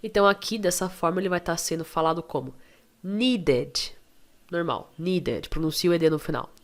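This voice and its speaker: A Brazilian woman with a low voice and a Brazilian Portuguese accent gives an online English lesson over her screen. She is chatty and encouraging and keeps checking in with quick questions. Her tone is relaxed and plain, like a teacher talking to her own students.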